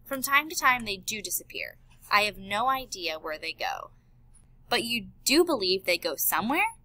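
A woman's voice: medium pitch, sing-song, moderate pace, bright, forceful tone, dry recording, low-quality recording. A woman voicing an earnest male elephant scientist and worried father in an audiobook. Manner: earnest, pleading.

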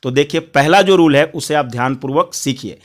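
Male online tutor, fairly high voice, patient, repetitive, spells words aloud letter by letter. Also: moderate pace. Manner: addresses viewers as friends, repeats each point. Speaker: English teacher. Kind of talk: Hindi grammar lesson.

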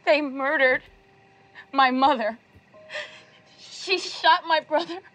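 A high-voiced avenging young woman. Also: slow, sharp tone, no echo, full character voice. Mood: bitter. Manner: cold, grief-stricken, unforgiving. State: crying. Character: grieving young woman avenging her slain family.

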